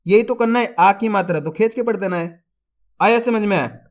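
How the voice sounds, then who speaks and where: A man teaching Hindi reading, sounding out syllables slowly and saying each joined word louder, then explaining more quickly to his viewers. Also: high-pitched. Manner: slow drawn-out syllables, louder when joining a word; speaks quicker and softer when explaining. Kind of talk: online reading lesson.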